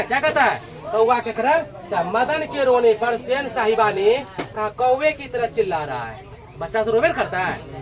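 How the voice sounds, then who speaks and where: Male teacher explaining a story. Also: very high voice. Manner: repeats points, asks and answers own questions, acts out characters' lines. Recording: crowd noise in the background.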